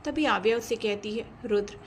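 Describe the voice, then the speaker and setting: A woman storyteller giving steady, scripted narration of a romance audio story. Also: mid-range voice, fairly quick, slight background noise.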